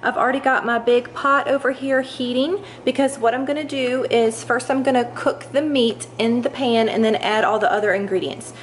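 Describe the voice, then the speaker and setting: Young woman, home vlogger, a bit higher voice, casual and chatty, handheld camera sound indoors. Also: steady tone, normal speed, hardly any pauses, slight background noise. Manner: chatty, upbeat, lots of fillers. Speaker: lifestyle vlogger. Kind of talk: casual home tour chat. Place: large home kitchen and dining room, indoors. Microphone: handheld camera mic.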